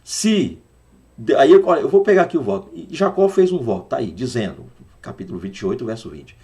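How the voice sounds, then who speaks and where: A man's voice: mid-range voice, lively intonation, brisk, a little mellow. A Brazilian man leads a Bible school lesson in a teaching tone. He explains step by step and says key words again and again so that his students get the pronunciation right. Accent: Brazilian Portuguese.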